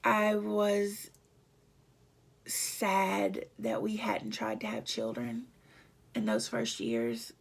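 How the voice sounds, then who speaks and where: A woman vlogger telling a personal story in a halting, emotional way, often dropping to a near whisper. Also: mid-range voice, big pitch swings, vocal fry.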